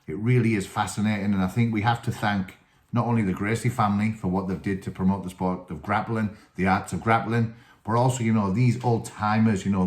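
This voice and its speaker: A man's voice: lowish voice, a little mellow. A man with a Teesside accent from north-east England, a coach talking informally and enthusiastically to his channel's viewers, often repeating his phrases. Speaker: wrestling coach and channel host. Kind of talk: informal talk to camera for a video channel. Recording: echoey, reverberant room.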